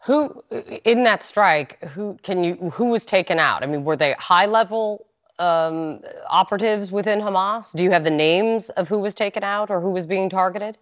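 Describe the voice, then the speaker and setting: A woman with a standard American accent interviewing on live television news, asking measured, probing questions. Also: mid-range voice.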